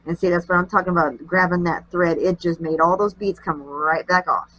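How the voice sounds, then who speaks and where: A woman's voice: on the low side, steady tone, a little fast, fairly bright tone, dull audio. Nasal, congested woman chatting through a craft tutorial. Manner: chatty, homey, talks while working. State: congested from allergies. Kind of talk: casual craft tutorial narration.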